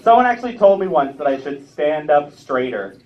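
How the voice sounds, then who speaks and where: A man's voice: on the high side, sing-song, brisk. A man in his late twenties performing a live stand-up set, self-mocking and chatty with the crowd. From Ontario, Canada. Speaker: stand-up comedian. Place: comedy club stage with a live audience. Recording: distant, muffled club recording.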